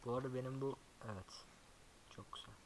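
A young man giving casual gameplay commentary as a YouTuber, chatty and swearing often, talking softly to his horse now and then. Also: mid-range voice, fairly even intonation, a little fast, gravelly, slight background noise, low-quality recording. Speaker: gaming YouTuber.

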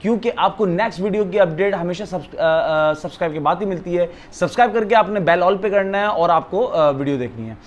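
A man with a Pakistani accent giving an eager, repetitive teleshopping-style sales pitch as a phone retailer. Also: brisk, hardly any pauses, muffled recording. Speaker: phone retailer presenting stock. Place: living room of a house, indoors. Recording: some background noise in a room.

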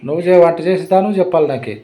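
A man's voice: on the high side, racing, dark tone. A man chatting casually and teasingly, asking short questions while someone cooks. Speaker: husband asking questions off camera. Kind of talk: casual chat. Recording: kitchen with frying noise behind.

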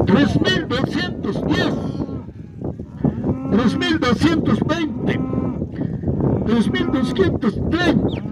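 High-pitched auctioneer man. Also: lively intonation, very slow, long pauses. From Peru. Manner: repetitive rhythmic number chanting. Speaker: livestock auctioneer. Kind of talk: Spanish auctioneer chant, calling out rising bids. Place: outdoor dirt livestock show ring. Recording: noisy outdoor fairground recording.

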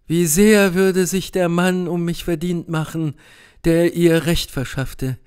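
A man's voice: fairly high pitch, steady tone, slow, darkish tone, smooth, voice pushed up. A man voicing a passionate young noblewoman, fiery and grieving, in an audiobook reading with impassioned outbursts. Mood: sorrowful.

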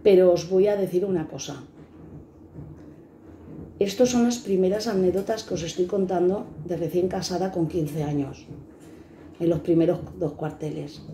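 A woman's voice: on the low side, warm tone, a little hiss or hum. A blunt, fiery woman in her fifties from Spain tells stories from her own life, swearing and acting out the people in them. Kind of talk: personal storytelling to camera. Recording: echoey room.

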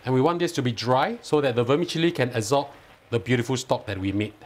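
This cooking host talks fast and expressively, his medium-pitched voice a little mellow, with a Singaporean English accent. He walks viewers step by step through a recipe from his home kitchen, instructive and lightly enthusiastic.

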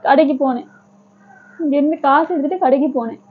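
A woman's voice: high-pitched, narrow, tinny audio, a little hiss or hum. A young woman at home pulling a fake crying prank, whining and repeating herself between put-on sobs. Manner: whiny, drawn-out fake sobbing, repeats herself. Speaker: vlogger wife pulling a prank. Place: home, indoors.

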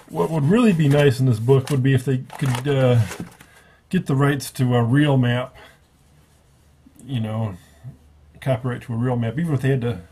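Here a man with a mid-range, dark-toned voice gives a rambling, casual book review from a table, correcting himself often in an offhand way. Slight background noise is present.

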